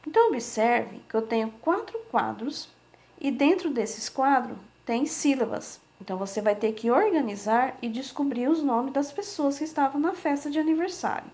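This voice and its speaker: A woman teacher giving a slow, patient remote lesson to young children, sounding out words syllable by syllable. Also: high-pitched, lively intonation, a little mellow. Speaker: primary school teacher.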